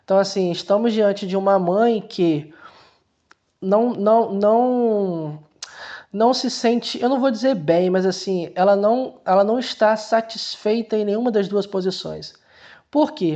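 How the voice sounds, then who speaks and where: A man's voice: high-pitched, dark tone, muffled recording. A man with a Brazilian Portuguese accent, giving casual book commentary and talking straight to the viewer in a colloquial way, with many restarts.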